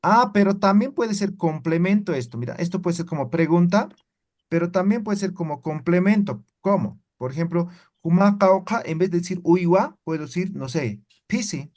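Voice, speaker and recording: Teaching a language lesson, a man with a high-sitting, expressive and slightly mellow voice talks at a moderate pace. His explanations are patient and step by step, and he keeps checking in with the class by asking "¿no ve?".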